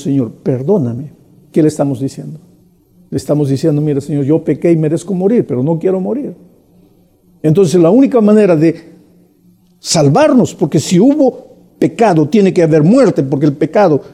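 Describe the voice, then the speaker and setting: A man's voice: fairly high pitch, dark tone, breathy edge. A man preaching a sermon in an earnest, explanatory way, speaking directly to the listener.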